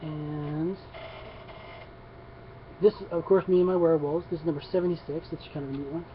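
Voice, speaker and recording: A man's voice: on the high side, fairly even intonation, normal speed. A man talking casually on camera about his comic book pickups, rambling with many restarts and fillers. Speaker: comics vlogger. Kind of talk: casual comic haul video. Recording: dull lo-fi sound with faint noise.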